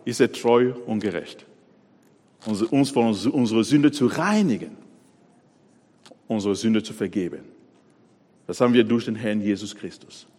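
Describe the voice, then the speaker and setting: A man preaching a sermon, pressing hard on key words, then dropping to a quiet voice. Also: lowish voice, normal speed, long pauses, long reverb tail. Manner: emphatic, swings between loud stresses and quiet drops.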